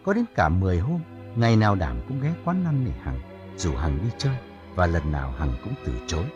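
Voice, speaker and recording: A man narrating an audiobook story in a calm storytelling manner. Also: deep voice, fairly quick, highs cut off, music in the background.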